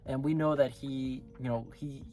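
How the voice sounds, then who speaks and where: With a steady tone and a moderate pace, a man reviews anime in a loose, rambling way, often correcting himself partway through sentences. He's sick, so his middle-pitched voice stays hoarse and raspy, and the rough recording carries soft music faintly beneath him.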